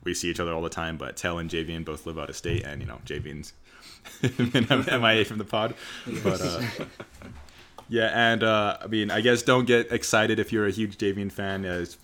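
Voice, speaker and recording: A man's voice: sits low, moderate pace, fairly bright tone. A man hosting a casual group podcast, talking in a garage with the door open. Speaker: podcast host. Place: in a garage with door cracked open by a main road. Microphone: USB desk mic with pop filter.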